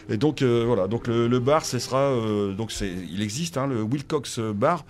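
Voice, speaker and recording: A man's voice: mid-range voice, a little slow. A man hosting a casual radio chat, hesitant and full of fillers, in a studio. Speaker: radio host.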